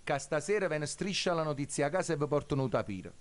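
A man with a fairly high voice and a Neapolitan accent hosts a radio show. He banters casually in the middle of prank calls, in broken, overlapping phrases. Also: expressive, fast talker, background noise. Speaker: radio host.

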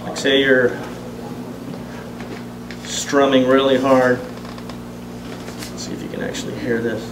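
At a music-store guitar clinic, a middle-aged man with a medium-pitched, fairly flat voice explains casually into a handheld mic, pausing to play examples. The live sound is roomy and picked up from a distance, with a noisy background and guitar playing.

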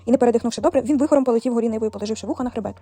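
Rapid warm-voiced woman storyteller. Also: a little high, no room sound. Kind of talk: fairy tale read aloud for children.

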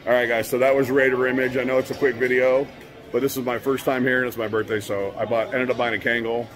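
A middle-aged vlogger films himself on a handheld camera inside a large, busy store with music playing, tossing out informal, slangy exclamations. His mid-range voice stays level and moves fast.

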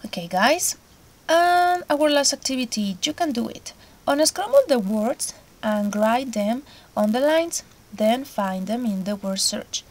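A woman teaching an English lesson to children, explaining each step patiently. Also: medium pitch. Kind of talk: recorded remote lesson.

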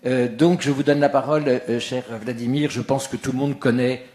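A man's voice: medium pitch, fairly even intonation, normal speed, darkish tone. A man moderating a panel, introducing the next guest in long winding sentences broken by many hesitations. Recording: echoey hall sound.

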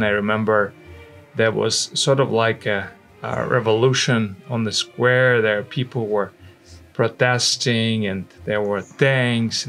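Male interviewee, forties, Russian accent, slightly low gravelly voice, personal recollections, music underneath. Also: fairly bright tone. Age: 40s. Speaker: interview guest, missionary. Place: indoor studio. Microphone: microphone on a stand, close.

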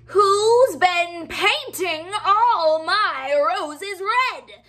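A woman voicing the furious Queen of Hearts, yelling her commands slowly and drawn out in a storybook reading. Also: very high-pitched, animated, pitched above the performer's own voice, exaggerated voice.

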